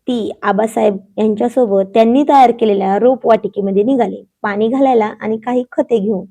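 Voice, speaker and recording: Woman narrating a romance story, mellow. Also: medium pitch, gravelly.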